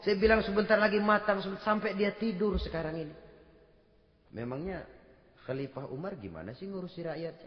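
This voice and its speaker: A man's voice: sits high, a little fast, natural voice. A man voicing a poor, desperate mother who speaks in a plaintive, complaining way. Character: poor, desperate mother, middle-aged woman. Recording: echoey hall, dull lo-fi archive.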